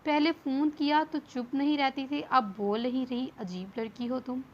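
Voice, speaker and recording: A calm, teasing young man in a storybook audio novel, read by a woman. The voice sits high and stays unhurried. The recording is dull, with a faint hiss underneath. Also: natural voice. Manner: teasing, relaxed replies.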